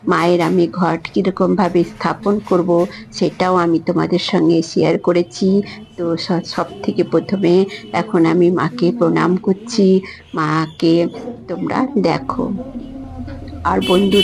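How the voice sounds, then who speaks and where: A woman narrating her home worship vlog, repeating phrases and chanting prayers slowly. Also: on the low side, creaky, a little mellow, poor audio. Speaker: vlogger. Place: home shrine and her parlour.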